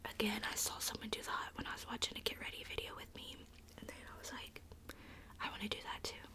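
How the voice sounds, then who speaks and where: Whispering fast with a sharp tone, a young woman chats her way through an ASMR makeup routine, her speech dotted with "likes" and side comments. She's close to a camera mic that's being held by hand.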